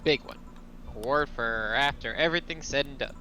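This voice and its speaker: A man's voice: mid-range voice, a little fast, sharp tone, faint music behind, lightly acted, low-quality recording. A man voicing a reassuring, easygoing woman bar boss in a game, encouraging, over background noise. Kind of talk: hobby video game voice-over.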